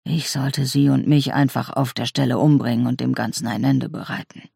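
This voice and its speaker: A woman voicing an angry, menacing middle-aged father in a read-aloud story, speaking low and seething. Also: lively intonation, drawn-out words, darkish tone, husky, no echo, clean studio sound, exaggerated voice.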